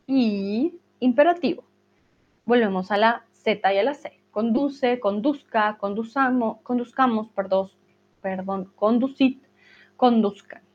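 A woman teaching a live online grammar lesson, patiently drilling verb conjugations aloud and reassuring her students. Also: fairly high pitch. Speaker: Spanish teacher. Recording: slightly dull lo-fi sound.

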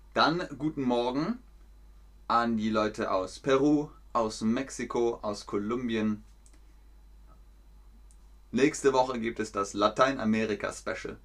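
A man teaching German vocabulary on a livestream, repeating words slowly and clearly, chatting with viewers and laughing often. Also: mid-range voice, fairly bright tone. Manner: slow, clear, repetitive teaching with frequent laughs; chats with viewers. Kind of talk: livestream language lesson.

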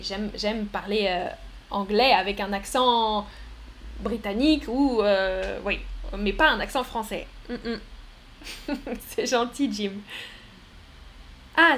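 Slow, careful woman teaching pronunciation. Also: high voice. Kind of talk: live-streamed language lesson.

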